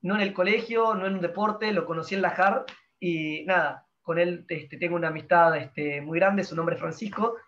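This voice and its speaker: A young man speaking warmly and earnestly about friendship on a video call, trailing off softly. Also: high-pitched, moderate pace, dull audio. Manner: warm, heartfelt, trailing off at the end. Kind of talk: casual testimony on a video call.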